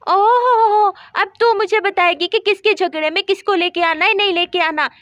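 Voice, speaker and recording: A woman voicing a scornful, bossy rich neighbor who scolds and threatens in a shrill, loud voice, for a doll story. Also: fairly even intonation, normal speed, no room sound, clean studio sound.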